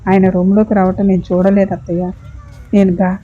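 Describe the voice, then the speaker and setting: A woman's voice: medium pitch, flat delivery, fairly quick, phone-quality sound, natural voice. A woman reading as a pleading young wife. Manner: pleading, tearful.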